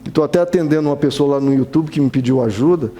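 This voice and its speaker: A man's voice: fairly high pitch, quick pace, dark tone, a little hiss or hum. A man preaching a sermon as a pastor, earnest and conversational, acting out little dialogues.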